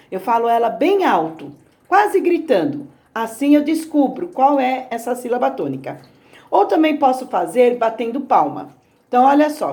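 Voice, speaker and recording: A Brazilian woman teaching a recorded lesson to young children, stretching words out slowly. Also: a little high, darkish tone. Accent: Brazilian Portuguese. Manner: slow, exaggerated sounding out of words. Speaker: primary school teacher.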